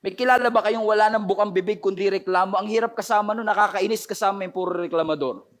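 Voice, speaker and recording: Hoarse high-voiced man preaching a sermon. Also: fast. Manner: switches between Tagalog and English, building to emphatic outbursts; preaches to an online audience. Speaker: pastor. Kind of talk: impassioned sermon.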